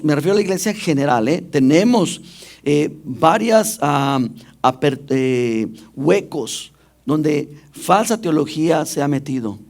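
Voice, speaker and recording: Male pastor, slightly high voice, sermon delivery that keeps questioning the congregation. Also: a little mellow.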